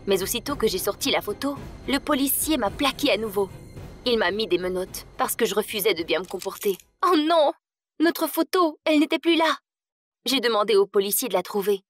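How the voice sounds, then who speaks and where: A woman's voice: mid-range voice, brisk, no echo, studio quality, soft background music. Woman telling a dramatic story. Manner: dramatic, emotional delivery that rises in tense moments. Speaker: storyteller narrating in first person. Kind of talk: scripted story narration.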